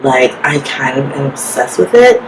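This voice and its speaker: A woman's voice: extremely low pitch, moderate pace. A woman beauty vlogger talking through a makeup tutorial in a chatty, casual way, with lots of "like" fillers. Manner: chatty, filler-heavy, says "like" often. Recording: steady background hiss.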